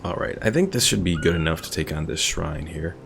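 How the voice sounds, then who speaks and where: With game music behind him, a male streamer plays a strategy game and thinks aloud in casual commentary. His voice rumbles low with vocal fry, and he talks briskly.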